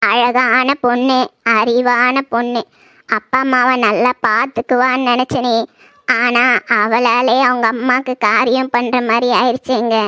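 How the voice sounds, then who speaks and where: A woman voicing a grieving old village grandmother in a cartoon, talking slowly in a lamenting way. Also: fairly high pitch, little pitch movement, sharp tone, clear, resonant tone, no room sound. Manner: slow, mournful, lamenting. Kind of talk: cartoon voice acting.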